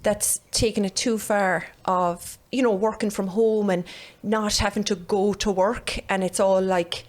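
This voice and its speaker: Casting: woman, medium-pitched, lilting west of Ireland accent with Cork flavour, blunt and chatty podcast talk. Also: fairly even intonation, a little slow. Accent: west of Ireland, sing-song with a Cork lilt. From west Munster, Ireland. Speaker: podcast guest, gym trainer. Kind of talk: casual podcast chat.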